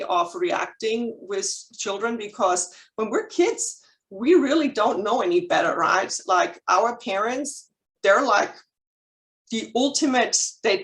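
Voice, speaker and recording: In a low-quality recording, a woman in her forties with a German accent, a licensed counselor, gives a candid chamber of commerce presentation before a live audience. Her mid-range voice is a bit bright, and she leans on ums, restarts and nervous humor.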